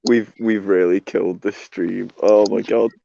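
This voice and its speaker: Hesitant dark-voiced man. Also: fairly low pitch, steady tone, unhurried, vocal fry, lo-fi sound, slight background noise. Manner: hesitant, heavy use of "like", repeats words. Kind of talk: casual stream chat, recounting a story.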